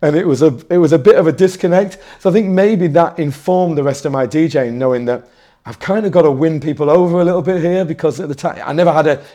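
A man's voice: fairly high pitch, quick pace, warm tone. A man in his forties talking as a guest in a casual interview, rambling and correcting himself, often breaking into laughs. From North East England.

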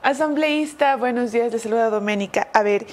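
Female co-host, courteous questions, slightly high voice. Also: fairly quick, darkish tone. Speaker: co-host interviewer. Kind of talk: news interview.

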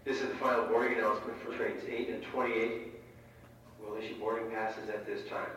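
A man making a formal boarding announcement over a train station's public address loudspeaker, measured and flat. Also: lowish voice, a little hiss or hum, rough recording.

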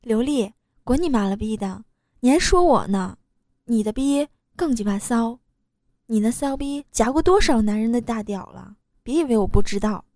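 A brash young wife with a crude mouth, as a woman reader puts her on, trading blunt, teasing jabs. The voice is a little high and mellow, and it sounds dry and close. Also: lively intonation, normal speed, no echo.

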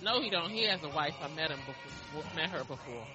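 A man's voice: fairly high pitch, expressive, fairly quick, over music, low-quality recording. A man hosting a casual podcast chat, loose and joking, swearing freely. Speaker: podcast host.

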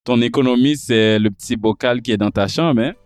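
A man's voice: medium pitch, a little fast, clean tone, no room sound, soft background music. Man, 30s, Creole-tinged French accent, podcast host, earnest, "euh" fillers, resonant, dry close sound. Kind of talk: podcast interview and intro.

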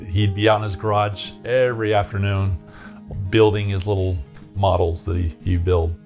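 A man's voice: low voice, level tone, moderate pace, a little mellow, faint music behind. A man from Arizona casually recalling his past in a rambling way, with many fillers and restarts. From Arizona, USA. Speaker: interviewee. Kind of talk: casual recollection.

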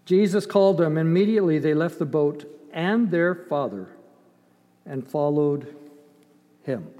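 Here an older man raised in Ethiopia preaches in a fairly high, mellow, expressive voice, a little on the slow side. Emphatic yet conversational, he works in rhetorical questions and dramatized asides. The recording has a long hall reverb.

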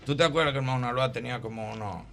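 A middle-aged man, a radio co-host telling an animated anecdote in casual chat and acting out the voices in it. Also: medium pitch, very fast, gravelly, soft background music. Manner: animated, acts out quoted lines, laughs while telling.

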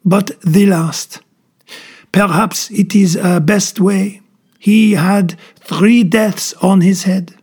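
A man voicing a calm, clever older male detective who speaks gently and precisely in a dramatic audiobook reading. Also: high-pitched, measured pace, slightly rough, heavily acted. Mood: grave.

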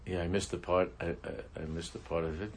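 A man teaching a religious class, telling a story in a halting way, often restarting his sentences. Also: low-pitched, fairly even intonation, slight background noise. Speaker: Torah teacher.

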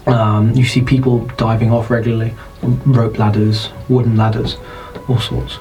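A man with a British accent, narrating as dungeon master in an unhurried, descriptive way. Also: fairly low pitch, little pitch movement, mellow, faint music behind, rough recording. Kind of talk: narrating a tabletop game.

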